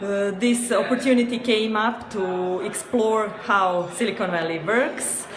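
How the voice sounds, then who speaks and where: She's a guest interviewee from Serbia who co-founded a company, and her Serbian-accented replies come hesitantly, with frequent fillers and small laughs. Her voice is mid-range and her pace measured, captured amid the echo and crowd of a busy, noisy event venue.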